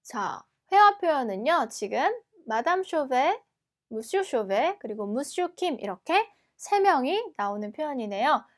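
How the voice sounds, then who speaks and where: A woman teaching a language lesson, explaining patiently and repeating each word slowly and carefully. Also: sits high, sing-song. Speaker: French teacher.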